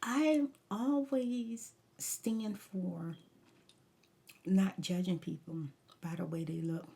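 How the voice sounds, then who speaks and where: A woman's voice: mid-range voice, steady tone, slow pace, vocal fry, dark tone, breathy edge. A woman ASMR vlogger rambling through a casual story time, talking candidly and emphatically with slangy asides and advice.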